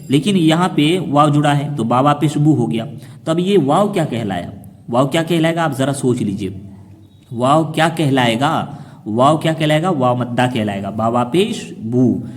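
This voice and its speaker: A man teaching Quran reading to children, who asks a question and then answers it himself and draws out each syllable slowly. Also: medium pitch, long reverb tail. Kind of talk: explaining a lesson to children.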